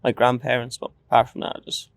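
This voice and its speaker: Young male street interviewee, Irish accent, laid-back and noncommittal, fairly monotone, close dry sound. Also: medium pitch, quick pace, gravelly, dry recording. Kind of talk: casual chat.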